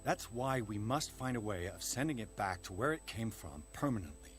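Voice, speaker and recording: A man's voice: lowish voice, expressive, moderate pace, lightly acted. An actor playing a world-weary male investigator in a video game, terse, dry and sarcastic. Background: game music.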